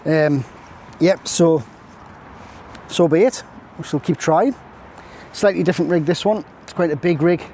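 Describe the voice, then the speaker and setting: With a warm, fairly high voice, a male angling vlogger talks unhurriedly to camera, leaving long pauses, as he fishes on a windy riverbank. His casual chat is full of jokey, self-mocking asides, captured by a camera on a stand that he steps away from now and then.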